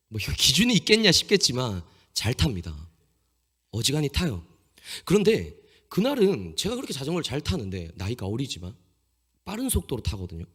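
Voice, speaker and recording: A man's voice: mid-range voice, husky. A man in his thirties preaching to a youth congregation, telling a story about himself with humor and self-mockery. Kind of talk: sermon with a personal story. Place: church sanctuary. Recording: long reverb in a church hall.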